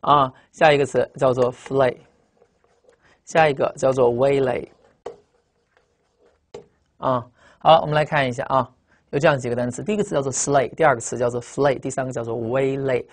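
An English vocabulary teacher, lecturing in an emphatic way and trailing phrases with drawn-out particles. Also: mid-range voice, fairly even intonation, a little hiss or hum.

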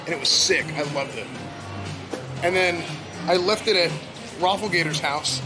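A man's voice: a little high, normal speed, music in the background. A young man streaming while he walks through a big indoor mall, joking and rambling with many restarts, recorded on a shoulder-mounted camera. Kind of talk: casual walking vlog. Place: large indoor shopping mall. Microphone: camera on a shoulder rig.

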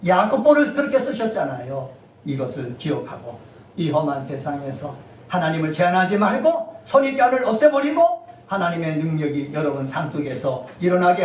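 A male pastor preaching a Sunday sermon with emphatic swells and call-and-response lines for the congregation. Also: on the high side. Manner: emphatic preaching, rising to near-shouts at key points. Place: church sanctuary. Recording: echoey hall, voice from a distance, faint noise.

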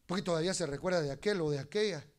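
A man preaching a sermon in church, animated, moving between soft asides and loud exclamations, sometimes speaking fast. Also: fairly high pitch. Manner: talks fast at times.

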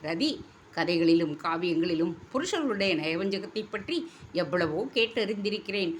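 A woman voicing a proud young female dancer who speaks with hurt, sharp indignation. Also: lowish voice, lively intonation, normal speed, a little hiss or hum, natural voice. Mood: indignant. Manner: indignant, sharp, tearful reproach. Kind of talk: storybook reading.

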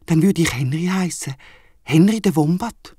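A man with a Swiss German accent voicing an eager, cheeky male wombat in a children's audio drama, in a high, bouncy voice. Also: normal speed, warm tone, husky, no room sound, studio quality. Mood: amazed.

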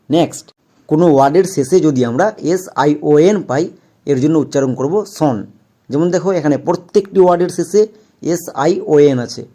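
Teaching pronunciation of English on video, a man works through it methodically, spelling out letters individually and restating the important rules for emphasis. His voice is a little high and has a dark tone.

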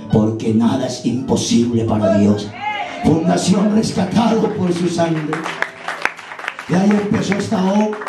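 A man with a Colombian accent and a fairly high voice preaches his life story, acting out every character with lively energy. He sounds distant from the mic, in a reverberant hall. Music plays softly behind him. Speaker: preacher giving his testimony. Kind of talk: sermon testimony.

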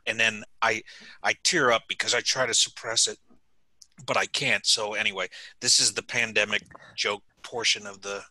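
A man presenting a coding session over a video call, friendly and agreeable, clearing his throat from coughing fits. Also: medium pitch, sharp tone, dry recording, low-quality recording. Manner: friendly, agreeable, frequent brief acknowledgments. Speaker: meetup presenter.

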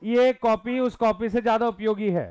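Male teacher, live class, high smooth voice, dry close sound, unhurried questioning. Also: darkish tone, no room sound. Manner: coaxing, questions students, mixes Hindi and English.

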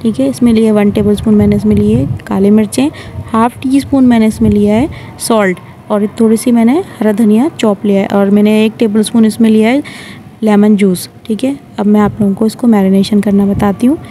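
A woman's voice: mid-range voice, steady tone, brisk, mellow, a little hiss or hum. A woman hosting a home cooking tutorial, talking viewers through each step in a chatty way and often checking in with "theek hai". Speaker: cooking channel host. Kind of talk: recipe tutorial voice-over.

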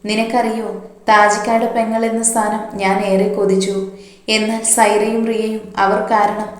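A woman's voice: medium pitch, flat delivery, normal speed, lightly acted. A woman voicing a bitter, jealous young woman who is drunk and self-pitying. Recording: very echoey room.

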